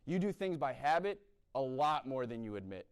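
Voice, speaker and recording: Speaking at a university chapel event, a young East Coast man delivers a blunt, sermon-style talk, repeatedly checking in with "right?". His medium-pitched voice is smooth and sing-song, at a moderate pace.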